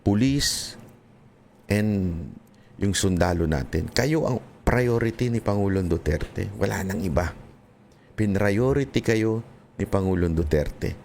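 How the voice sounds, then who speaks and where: A man from the Philippines with a lowish voice, talking straight to his viewers in an earnest commentary vlog. He drifts between Tagalog and English and often breaks off and restarts his sentences. Faint background noise sits under his voice. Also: takes it slowly, vocal fry, a little mellow. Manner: addresses viewers directly. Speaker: political vlogger.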